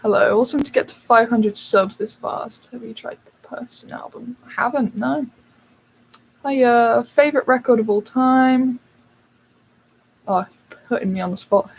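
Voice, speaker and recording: A woman's voice: mid-range voice, low-quality recording. British woman chatting on a livestream. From United Kingdom. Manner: chatty, reads out and answers viewer questions with fillers. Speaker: channel host. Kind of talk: casual livestream chat.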